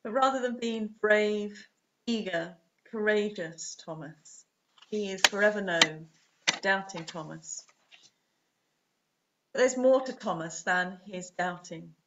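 Speaking from a small room in her home, a woman in her forties who serves as an Anglican priest delivers a scripted sermon into her webcam or laptop at desk distance. Her medium-pitched phrases come short, measured and deliberate. The webcam audio is dull and muffled, with background noise present.

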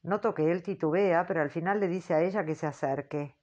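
A woman narrating an audiobook in the first person, in a measured, earnest storytelling manner. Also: lowish voice, a little mellow, dull audio.

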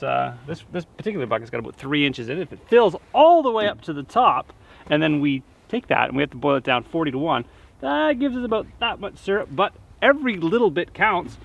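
A man in his thirties films himself in a snowy forest with the camera held at arm's length, talking in a relaxed, rambling way full of fillers. His voice has a gravelly, fry-edged texture. A faint hiss sits under the recording. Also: fairly high pitch. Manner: relaxed, chatty, many fillers and restarts. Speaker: homesteading vlogger. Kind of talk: casual vlog narration. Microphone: handheld camera held at arm's length.

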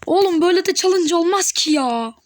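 A woman giving live gameplay commentary on her channel, excitable and teasing, talking back at the game as she plays. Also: extremely high pitch, brisk, a little hiss or hum. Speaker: gaming channel host.

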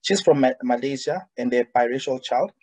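A young man hosting a webinar over a video call, reading a guest's bio with frequent ums and pauses. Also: mid-range voice, darkish tone, husky, poor audio. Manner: hesitant, many ums. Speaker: webinar host. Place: indoor room, padded wall behind. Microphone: video call webcam.

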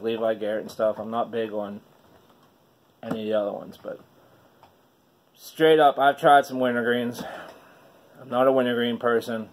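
A middle-aged man chatting casually to camera as a product reviewer, talking with a lip full of chewing tobacco. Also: medium pitch. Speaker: online dip reviewer. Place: small wood-paneled room indoors. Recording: noisy room recording.

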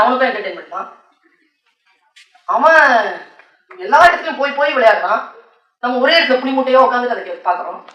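A woman giving a motivational speech to an audience, telling stories in a lively way and mixing in English words. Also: a little high. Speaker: motivational speaker. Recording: echoey hall, distant mic.

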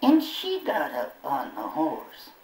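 A man's voice: on the high side, wildly swooping pitch, takes it slowly, darkish tone, voice pushed down, heavily acted. A ventriloquist man voicing a bumbling, folksy old male bird puppet who rambles in country talk. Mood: rambling. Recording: roomy echo, from far off.

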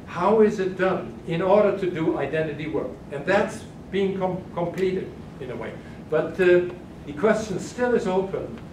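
Captured from far off by a room camera in a large carpeted conference room, the echoey, noisy audio has an older man from Germany answering questions during his keynote. He speaks in a high, expressive, slightly mellow voice at normal speed with few pauses, yet hesitates, restarting often and using fillers.

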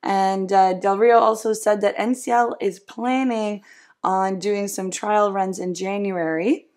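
A woman's voice: medium pitch, fairly even intonation, a little slow, a little mellow. A woman in her thirties co-hosting a casual news chat from a living room couch, talking in a chatty, upbeat way. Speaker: co-host.

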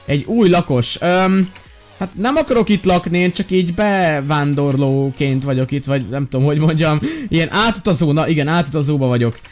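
A chatty young man talks his way through a game in a fairly high voice, joking and grumbling at his companions. Faint music plays underneath. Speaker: Minecraft gaming video host. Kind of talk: casual gameplay chat.

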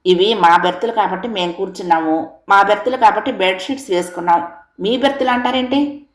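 A woman's voice: mid-range voice, fairly quick, reverberant, lightly acted. A woman doing a stubborn man hitting back. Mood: defiant. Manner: firm, retorting, matching anger. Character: stubborn older man, sharp and unyielding.

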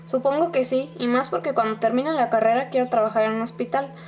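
A woman's voice: sits high, fairly quick, a little mellow, close to an everyday voice. A woman voicing a young male medical student on a night shift, teasing and unbothered. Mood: joking.

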